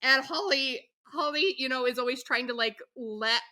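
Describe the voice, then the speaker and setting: A woman co-hosting a podcast, recapping a show in a chatty, animated way, full of asides and fillers. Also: sits high, normal speed. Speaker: podcast co-host. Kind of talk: casual chat recapping a reality show.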